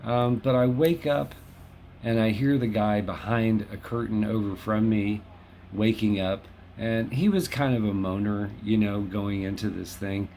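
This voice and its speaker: A man's voice: lowish voice, steady tone, measured pace, a little mellow, a little hiss or hum. Chatty wry man in his fifties. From Los Angeles. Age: 50s. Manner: chatty, wry, self-deprecating. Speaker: host. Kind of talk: casual monologue to camera. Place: home in West Hollywood.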